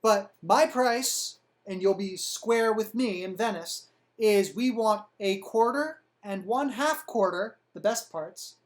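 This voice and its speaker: A woman putting on a put-on Italian accent to voice a gruff, domineering old male doge who talks in a blunt, commanding, threatening way. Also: medium pitch, slow pace, close to an everyday voice.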